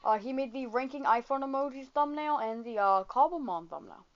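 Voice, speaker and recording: A woman hosts a loose, casual podcast chat, rambling from topic to topic with plenty of swearing and quick asides. Her voice sits a little high, and the recording sounds dull and lo-fi. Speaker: podcast host.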